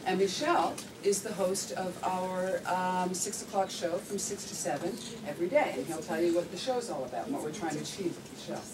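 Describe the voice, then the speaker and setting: A woman's voice: fairly low pitch, a little fast, few pauses, far from the mic. A woman managing editor giving visitors an informal explanatory talk in a newsroom. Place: working newsroom. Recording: noisy room, off-mic pickup.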